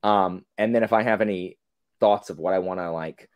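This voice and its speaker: Talking at normal speed in a deep voice, a man in his forties rambles animatedly as a video-call podcast guest and interrupts himself. The recording sounds dry and dull.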